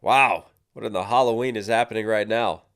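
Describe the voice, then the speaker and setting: Slangy, excitable man breaking down rap. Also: lowish voice, a little fast, faint music behind. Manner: hype, slangy exclamations and beatboxed rhythm syllables. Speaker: music reaction host.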